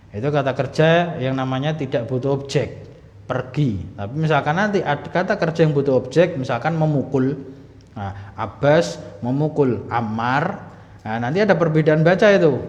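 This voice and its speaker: A man leads an Arabic lesson in a mosque. He explains each point step by step and keeps asking his students questions. His voice sits a little high, heard with long reverb through a dull, lo-fi recording. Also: a little mellow. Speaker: Arabic teacher. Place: mosque hall. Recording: echoey hall, dull lo-fi sound.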